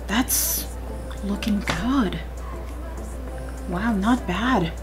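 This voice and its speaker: A woman's voice: medium pitch, extremely slow, music in the background. A young woman chatting to her viewers as she walks through a makeup tutorial step by step. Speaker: beauty vlogger. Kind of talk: casual makeup tutorial chat.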